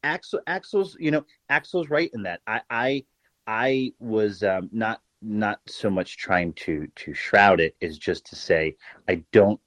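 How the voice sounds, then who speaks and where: Very deep-voiced man, halting reply. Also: a bit bright, dry recording. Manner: hesitant, halting, many fillers and restarts. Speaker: panelist. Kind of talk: hesitant discussion reply.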